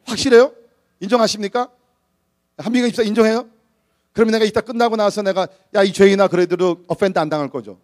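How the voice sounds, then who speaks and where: High-voiced animated Korean preacher. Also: male voice, brisk, long pauses. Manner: animated, swings between loud exhortation and soft low-voiced storytelling; calls out to the congregation for amens. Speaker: pastor. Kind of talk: sermon.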